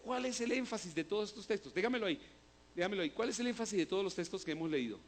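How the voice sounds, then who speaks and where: A man preaching a sermon as pastor, emphatic, often asking "¿cierto?" and bursting into loud shouts of praise. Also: high voice, animated, very fast.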